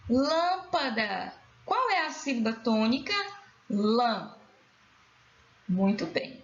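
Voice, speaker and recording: A woman teacher with a Brazilian Portuguese accent, giving a recorded school lesson for children in a slow, clear, drawn-out voice. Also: high voice, a bit bright. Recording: dull lo-fi sound in an echoey room.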